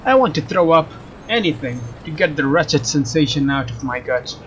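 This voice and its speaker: Fairly high-pitched and bright, this young man's expressive voice moves at an ordinary pace as he dramatizes story text in a let's play and comments casually. Faint game music and slight background noise sit beneath a slightly dull microphone.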